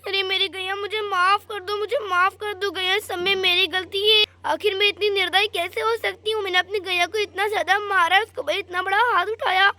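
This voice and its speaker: A woman doing a loud, fiery village woman. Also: very high voice, steady tone, brisk, hardly any pauses. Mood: remorseful. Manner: shouting, scolding. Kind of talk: doll story voice acting.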